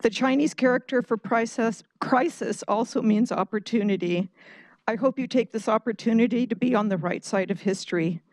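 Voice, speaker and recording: A woman's voice: fairly high pitch, normal speed, a little mellow, no room sound, rough recording. A woman who teaches kindergarten gives an earnest, pleading public comment, reading a prepared statement at a board meeting.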